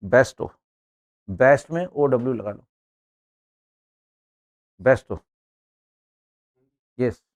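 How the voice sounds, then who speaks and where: A man's voice: medium pitch, lively intonation. A man teaching an English lesson to a class, explaining words and pronunciation step by step and often checking with "है ना?". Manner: explains slowly, often asks "है ना?".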